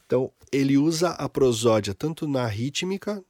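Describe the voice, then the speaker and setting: Um homem com sotaque brasileiro que apresenta um episódio sobre música e analisa uma canção de um jeito descontraído, com palavrões e pequenos exemplos cantados. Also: male voice, medium pitch, lively intonation, moderate pace, darkish tone, no echo, studio quality. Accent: Brazilian Portuguese. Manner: casual, profane, demonstrative, sings short examples. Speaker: music educator. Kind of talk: casual music analysis episode.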